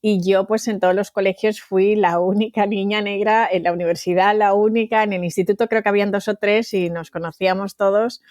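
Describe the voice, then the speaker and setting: A woman in her forties from Valencia, a guest on an interview podcast, talkative and quick to laugh. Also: medium pitch, fairly even intonation, no echo, clean studio sound. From Valencia, Spain. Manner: warm, talkative, laughs easily. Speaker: guest, entrepreneur.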